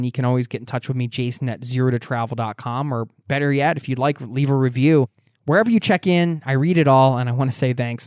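A man's voice: medium pitch, a little mellow, no echo, studio quality. A man hosting a podcast from a wooden cabin, chatting casually and cheerfully to listeners as friends. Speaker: podcast host. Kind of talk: solo podcast intro, casual chat to listeners.

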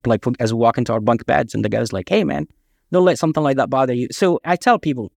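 A man from Egypt, a guest author telling emphatic, animated anecdotes in a casual interview. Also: mid-range voice, fast talker, creaky, no echo, studio quality. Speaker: guest, author and army veteran.

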